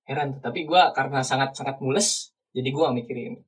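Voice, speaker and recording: A young man co-hosting a casual podcast, telling a story with sudden loud outbursts. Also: mid-range voice, fast talker, breathy edge. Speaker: podcast co-host. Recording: distant mic in a room at home.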